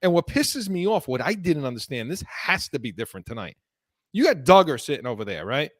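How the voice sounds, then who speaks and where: A man's voice: fairly high pitch, sing-song, fairly quick, a bit bright, no echo, studio quality. A man co-hosting a sports podcast, talking heatedly about football and breaking off and restarting his sentences, his voice worn from illness. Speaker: podcast co-host.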